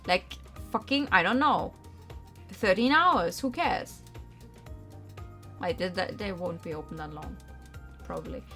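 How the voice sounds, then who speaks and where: Over quiet background music from the game, a young woman streams a visual novel, mixing read-aloud narration with casual talk. Her medium-pitched voice is unhurried, with long pauses, but her manner stays animated and informal, wandering off into asides.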